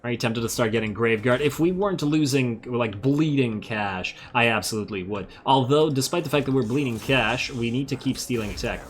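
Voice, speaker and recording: A man's voice: medium pitch, a little fast, few pauses, a little hiss or hum. A man giving casual, think-aloud commentary while playing a strategy game, self-amused and slightly losing his voice. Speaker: strategy game let's-play host.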